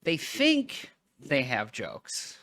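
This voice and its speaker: A man co-hosting a casual podcast chat, playful and joking with sudden loud bursts. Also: mid-range voice, wildly swooping pitch, drawn-out words, no echo, studio quality. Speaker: podcast co-host.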